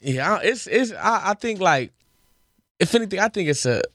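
A young man, a rapper as guest, talking in slangy, animated casual interview chat. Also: moderate pace, no room sound. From Inglewood, Los Angeles. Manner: animated, slangy, swings between high and low pitch.

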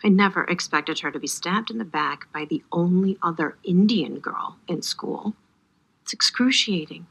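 An actress playing a mother in a quiet TV drama scene, with no accent. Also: fairly low pitch, normal speed, creaky, husky, exaggerated voice, low-quality recording. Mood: sad.

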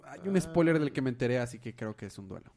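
A man retells comic-book plots for a casual podcast. He talks in a lively, storytelling way and acts out the characters' lines. His voice sits at an ordinary male pitch. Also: fast talker. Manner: animated storytelling, quotes characters. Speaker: podcast co-host.

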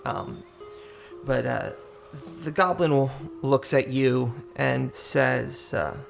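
A man running a tabletop game as game master, narrating in a halting way. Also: medium pitch, vocal fry, soft background music. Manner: halting, with fillers and restarts.

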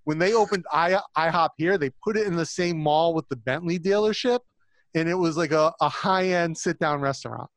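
A man's voice: fairly high pitch, fairly quick, fairly bright tone, dry recording. A man hosting a podcast, telling stories in a loose, casual way with some swearing. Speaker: podcast host.

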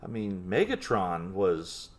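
Low-voiced nostalgic man in his forties. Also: big pitch swings, slow pace. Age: 40s. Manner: nostalgic, rambling with restarts. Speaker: podcast co-host. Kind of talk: casual chat.

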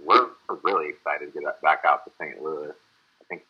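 A man speaking as a podcast guest over a remote call, his voice very deep and a bit husky. The audio comes through dull and muffled, and he talks in an easygoing, halting way. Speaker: band member, guest. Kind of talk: casual chat.

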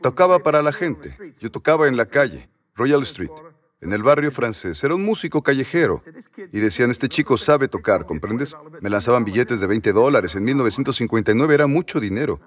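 A man's voice: medium pitch, lively intonation, a little fast. A man preaching a sermon, telling personal stories, acting out quoted voices and asking the audience rhetorical questions.

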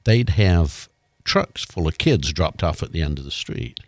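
A man's voice: rumbling low, lively intonation, measured pace, no echo, studio quality. An older man co-hosting a radio show, telling stories in a reflective way and laughing easily. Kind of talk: casual chat.

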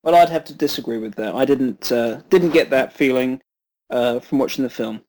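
A man co-hosting a film podcast, calmly and politely arguing his side in casual chat. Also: medium pitch, moderate pace, low-quality recording. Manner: calm, reasoned, disagreeing politely.

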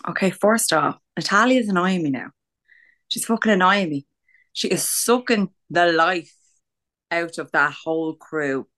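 A woman's voice: fairly low pitch, measured pace, fairly bright tone. An Irish woman co-hosting a podcast, chatting casually in a blunt, sweary way with an Irish accent. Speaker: podcast co-host. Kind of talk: casual gossip chat.

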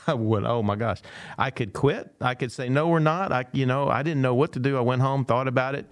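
A middle-aged man tells a story in an animated way, acting out the voices of the people in it and laughing often. His voice sits at an ordinary pitch for a man. The sound is dry and close, with no room echo. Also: fairly quick. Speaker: speaker and former football coach. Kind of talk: storytelling in a podcast conversation.

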